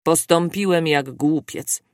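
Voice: mid-range voice, slow, no room sound, clean studio sound. A reader voicing a restless police inspector who talks in an agitated way.

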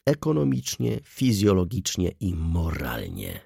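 A man reading an audiobook voices a scheming middle-aged male lawyer who talks in an animated, persuasive, theatrical way. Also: low voice, measured pace, vocal fry, husky, no echo, studio quality, exaggerated voice. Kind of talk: audiobook character voice.

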